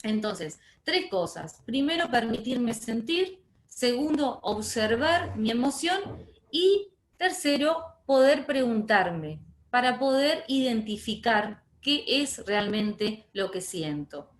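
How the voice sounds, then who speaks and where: A woman giving an online training lecture. She speaks in a measured way, repeats key words and checks in with her listeners. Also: fairly high pitch, sing-song. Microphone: video call. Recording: roomy echo on a video call.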